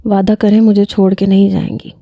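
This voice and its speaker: A woman voicing a lovesick nineteen-year-old young man who pleads softly, in a storybook reading. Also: medium pitch, flat delivery, no echo, close to an everyday voice. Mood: pleading.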